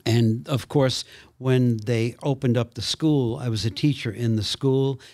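An older man, a guest, telling animated stories in a conversation and slipping into voices. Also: mid-range voice, unhurried, no room sound. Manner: animated storyteller, acts out voices. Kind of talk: storytelling in a conversation.

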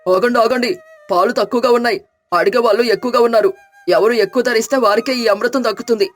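A woman's voice: a little high, fairly even intonation, fast, soft background music, close to an everyday voice. A woman voicing a clever, cocky young son-in-law in a village storybook tale, speaking with sly confidence. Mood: hawking.

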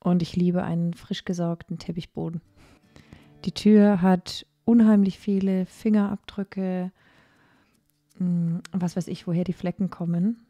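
A young woman narrates in a relaxed, chatty way, filling her pauses with little hesitations. Her voice is mellow and dark-toned. Soft music plays faintly underneath. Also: fairly low pitch, no echo. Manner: chatty, with many fillers and pauses. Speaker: cleaning vlogger. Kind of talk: casual voice-over narration.

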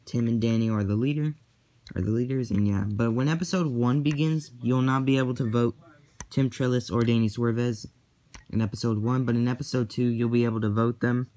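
A man hosts a hobby video with a casual announcement. His voice sits at a middling pitch. He talks haltingly and often repeats what he has just said. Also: fairly even intonation, mellow. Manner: halting, repetitive. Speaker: host of a toy car series.

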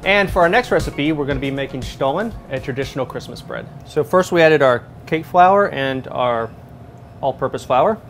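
Faint music plays behind a chef in his thirties as he demonstrates recipes on a lapel mic in a large professional kitchen. His voice is medium in pitch and normal in speed, and he instructs in steady, step-by-step fashion.

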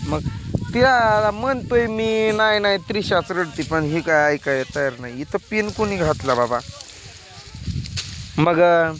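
A man talking casually while working outdoors in a soybean field, often calling out loud instructions to children and helpers. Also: sits high, animated, takes it slowly, long pauses. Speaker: vlogger at work in a farm field.

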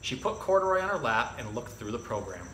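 Hosting an animal storytime as a zookeeper, this thirtysomething man chats and reads to children in a relaxed, teaching style. His mid-range voice is sing-song and sharp-toned, and he talks fairly quickly. Hard walls and a tiled floor make the indoor room echoey, and faint background noise is audible.

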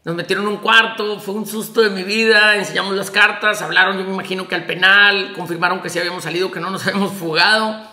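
A man with a Mexican Spanish accent tells a personal story in a casual vlog, rambling and emotional, full of fillers and restarts. His voice sits high and sounds bright and gravelly. The room around him is echoey. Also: fairly even intonation, fast. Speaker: vlogger telling prison release story.

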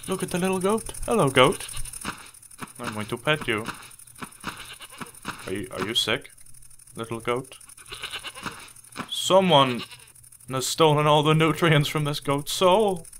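A man hosting a comedic game commentary video, goofy and excitable, chatting to the characters on screen. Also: mid-range voice, takes it slowly, long pauses, a little hiss or hum. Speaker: gaming video host. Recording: game music playing behind voice. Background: game music.

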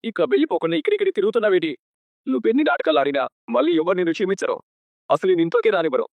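A man's voice: high voice, big pitch swings, racing, dry recording. An actor playing a hot-tempered, domineering elder brother who scolds and threatens his sister in a TV serial. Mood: furious. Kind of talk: TV serial acting. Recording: dull lo-fi dry sound.

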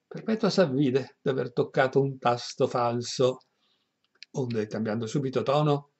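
Husky man, reads a novel aloud with chatty commentary, explanatory asides, dull lo-fi recording. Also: medium pitch, measured pace, a little mellow. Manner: conversational, explanatory asides ending in "no?". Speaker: reader and commentator of a classic novel. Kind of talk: reading aloud with casual commentary.

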